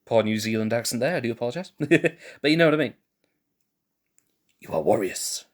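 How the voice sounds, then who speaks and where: A man's voice: mid-range voice, fast. A man live-streaming in casual chat, thinking aloud in a laid-back way, restarting sentences and chuckling at himself. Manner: musing, thinks aloud with restarts and self-corrections.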